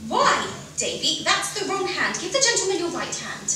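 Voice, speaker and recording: A woman acting a gentle, flighty and petulant young mother in a stage play, recorded far off in an echoey, noisy hall. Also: extremely high pitch, big pitch swings, normal speed. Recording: echoey hall, distant mic, clear noise.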